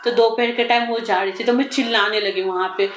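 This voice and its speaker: A woman's voice: fairly high pitch, fairly even intonation, fairly quick, a bit bright. Woman recounting an ordeal in a roomy space. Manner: earnest, vivid retelling with quoted dialogue. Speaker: interview guest. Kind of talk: personal account in an interview. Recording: roomy with faint background noise.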